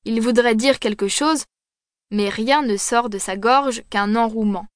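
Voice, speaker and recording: Female audiobook narrator, measured steady delivery, slightly high voice, very dry close recording. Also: dry recording. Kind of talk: audiobook narration of a classic story. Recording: dry, close studio sound.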